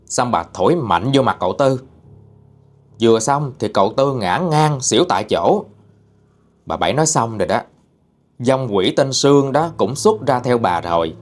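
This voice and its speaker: A man with a Southern Vietnamese accent narrating a ghost story in a plain, conversational way. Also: lowish voice.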